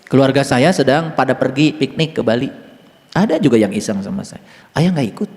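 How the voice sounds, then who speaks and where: A middle-aged man with a Sundanese accent giving a spiritual teaching, swinging between soft, mumbled asides and loud, emphatic lines, often chuckling through his anecdotes. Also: medium pitch, animated, a little fast. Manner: chuckles while talking, anecdotal. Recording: long hall reverb.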